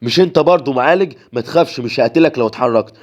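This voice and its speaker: A man's voice: mid-range voice, very fast, a little mellow, natural voice. A man with an Egyptian accent reading the lines of a lazy, coldly ruthless young man who hides great power, in a cold, mocking tone. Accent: Egyptian Arabic.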